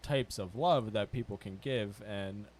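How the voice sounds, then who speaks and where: A man's voice: lowish voice, measured pace, darkish tone. A man in casual conversation, explaining his points and repeating phrases for emphasis. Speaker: podcast participant. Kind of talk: casual conversational podcast chat.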